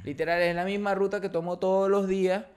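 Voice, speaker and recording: A man's voice: high voice, quick pace, clean tone. A man, co-hosting a podcast and telling stories in casual chat. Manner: storytelling, animated, uses "literal" and "o sea". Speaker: podcast co-host.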